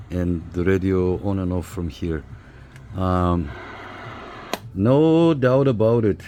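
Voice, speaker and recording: A low-pitched, slightly mellow man's voice carries this casual hands-on hobbyist review. He hesitates, repeats himself and thinks aloud while working, with clear background noise in the recording.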